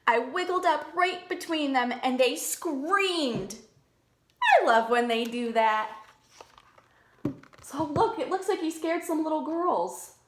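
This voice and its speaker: A woman with a high, animated voice reads a picture book slowly to young children, much like a preschool teacher, using simple explanations and asking them questions. The echoey room carries some background noise.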